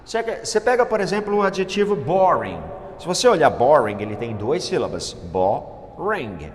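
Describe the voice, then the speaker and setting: Animated man teaching in an echoey room. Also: a little high, normal speed. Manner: animated, exclamatory, emphatic. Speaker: English teacher. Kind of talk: classroom grammar lesson. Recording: echoey room with long reverb.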